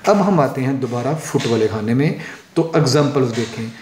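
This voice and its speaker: A man teaching an English lesson, explaining terms in Hindi and Urdu, reading the English definitions slowly and repeating words to show their stress. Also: mid-range voice, expressive, darkish tone, a little hiss or hum. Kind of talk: classroom lesson explaining poetic meter. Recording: echoey room.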